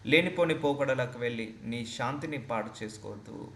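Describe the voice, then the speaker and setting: A man's voice: mid-range voice, normal speed, reverberant, a little hiss or hum. A man preaching a sermon as a pastor, earnest and repetitive for emphasis.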